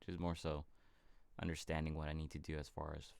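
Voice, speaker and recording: A man from California hosting a casual fitness livestream Q&A, answering viewer questions in a relaxed, rambling way. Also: extremely low pitch, fairly quick, creaky, clean tone, dry recording, clean studio sound. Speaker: fitness channel host.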